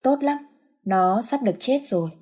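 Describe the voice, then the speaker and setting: A woman narrating an audiobook story in a steady, plain storytelling manner. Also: a little high, moderate pace, slightly rough.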